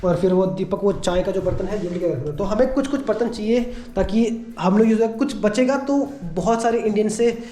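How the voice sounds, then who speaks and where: A man's voice: high-pitched, normal speed, hardly any pauses, mellow. A man from India chatting casually in a home vlog, rambling and leaning on a habitual filler phrase. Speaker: vlogger.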